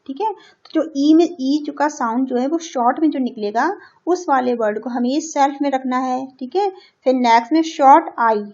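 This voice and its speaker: A woman teaching a primary school English lesson. She reads the English lines slowly and loudly, explains each word in Hindi and checks in with "theek hai". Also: high voice. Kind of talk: classroom lesson for young children. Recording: dull lo-fi recording.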